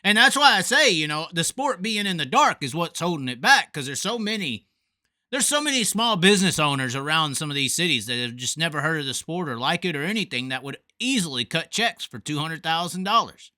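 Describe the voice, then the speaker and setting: Brisk and a little high-pitched, the man hosting this sprint car call-in podcast sounds fired up. He hammers his points home, repeating himself in lively, opinionated banter with callers.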